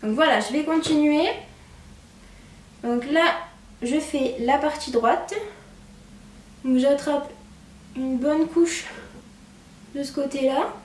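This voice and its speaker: A young woman with a regional French accent and a slightly high voice talks viewers through a hair tutorial in a relaxed, chatty way. She sits some way back from the camera in an echoey room, with a faint hum of noise behind her. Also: slow, pauses often, distant mic. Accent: regional French accent with a marked "hein". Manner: chatty, relaxed, lots of "hop" and "voilà" while working. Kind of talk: casual how-to demonstration. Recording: echoey room, speaker away from the mic, faint background noise.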